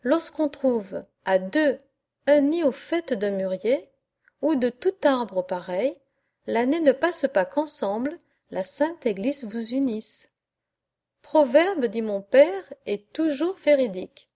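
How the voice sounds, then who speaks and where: An excitable young country girl from a storybook, full of little cries and exclamations, as a woman reader puts her on. The voice sits fairly high, with a soft, mellow tone and an unhurried reading pace. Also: heavily acted. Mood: chatty.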